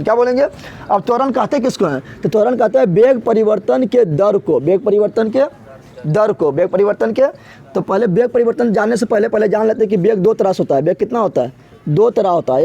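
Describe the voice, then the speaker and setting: Male teacher giving an exam-prep physics lesson, high and raspy-edged, drills each term with a question and answers it himself. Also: darkish tone. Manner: asks a question then answers it himself, repeats key terms; casual, colloquial, addresses students directly.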